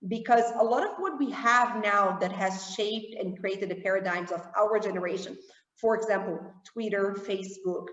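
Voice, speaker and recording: A woman speaking on a panel discussion as the keynote speaker, quick and animated, thinking aloud with fillers. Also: medium pitch. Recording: roomy, dull lo-fi sound with long reverb.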